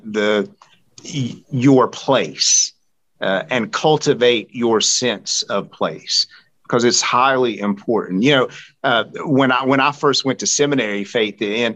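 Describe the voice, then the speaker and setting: A man with a Central Appalachian accent speaking earnestly as an interview guest, haltingly, repeating words for emphasis. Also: medium pitch, a bit bright, lo-fi sound. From rural Central Appalachia, United States. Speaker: podcast guest.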